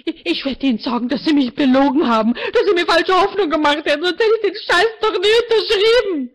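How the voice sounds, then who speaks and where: A woman voicing an upset young woman in a book reading, agitated and shouting at high pitch. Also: fairly even intonation, normal speed, close to an everyday voice. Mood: furious. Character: upset young woman, rising from shy to furious. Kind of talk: author reading aloud.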